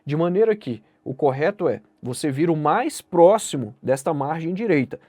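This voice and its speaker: Fairly high-pitched and lively in intonation, a Brazilian man with a Brazilian Portuguese accent delivers an online exam-prep lesson about essay grading at a moderate pace. He speaks to the viewer directly and asks and answers his own questions; his tone is dark and the recording is dry.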